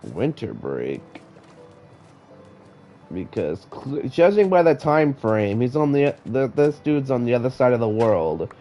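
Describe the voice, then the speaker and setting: A man talks to his live chat while he plays, sounding a bit sick. His voice is mellow and his delivery unhurried. He often trips over his words and repeats them. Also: mid-range voice, big pitch swings, highs cut off, faint music behind. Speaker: live-streamer playing a block-building game. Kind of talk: casual live-stream commentary.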